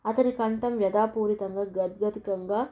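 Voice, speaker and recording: A woman narrating a novel in an even storytelling manner. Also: mid-range voice, normal speed. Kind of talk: audiobook novel reading. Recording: dull lo-fi recording.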